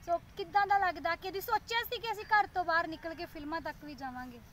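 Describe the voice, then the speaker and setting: A woman's voice: very high-pitched, fast, fairly bright tone. A woman, hosting an interview outdoors. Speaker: interviewer and host. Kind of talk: on-location interview. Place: outdoors in a leafy park. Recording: noisy outdoor recording.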